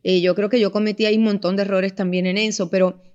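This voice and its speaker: A woman in her fifties, a mother chatting on a podcast, telling stories with lively acted-out voices. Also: mid-range voice, fast talker, muffled recording. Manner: animated storyteller, acts out voices in anecdotes. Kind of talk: casual podcast conversation.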